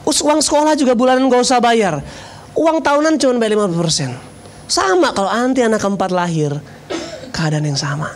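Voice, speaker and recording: A man's voice: very high voice, lively intonation, a little fast. A man in his thirties, a pastor preaching a sermon, telling a personal story with jokes and acting out conversations. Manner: storytelling, jokey, acts out dialogue.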